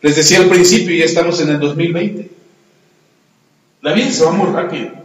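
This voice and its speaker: A pastor preaching a sermon and telling stories, often putting questions to the congregation. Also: male voice, on the high side, a little fast. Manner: storytelling, asks the congregation questions. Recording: echoey hall, long reverb.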